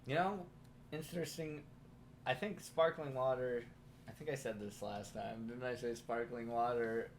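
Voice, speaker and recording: A man's voice: medium pitch, fairly even intonation, moderate pace, slight background noise. A man co-hosting a comedy podcast, bantering in a goofy, playful way. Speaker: podcast co-host. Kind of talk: casual comedic chat.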